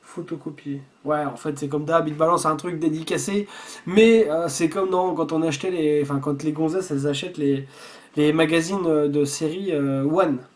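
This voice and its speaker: A man's voice: a little high, steady tone, normal speed. A man chatting casually while unboxing a subscription box at home, rambling and swearing freely. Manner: rambling with frequent restarts.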